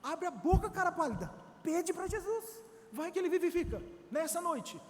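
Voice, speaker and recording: High-voiced Brazilian preacher in a reverberant church. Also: male voice, normal speed. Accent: Brazilian Portuguese. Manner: animated, acts out quotes, exhorts the congregation. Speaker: missionary preacher. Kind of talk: sermon.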